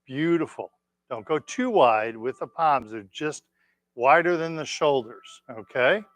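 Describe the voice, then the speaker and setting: A man teaching a tai chi class, giving gentle, unhurried step-by-step cues with encouragement. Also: mid-range voice, lively intonation, no echo. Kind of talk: instructing a class through movements, step by step.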